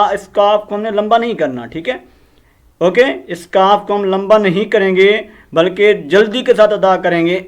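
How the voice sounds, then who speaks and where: A man teaching prayer recitation, slowly drilling Arabic words and correcting common mistakes. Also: high voice. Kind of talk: Urdu recitation lesson.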